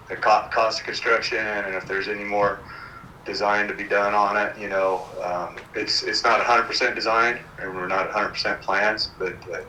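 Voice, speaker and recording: A man heard over a speakerphone from the far end of a room, his fairly low voice bright and sharp-edged, ringing with echo. He talks in a hesitant, halting way, full of fillers and restarts. Faint noise sits under the call. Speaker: project engineer consulted by phone. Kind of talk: answering questions at a county meeting. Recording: distant echoey speakerphone in meeting room.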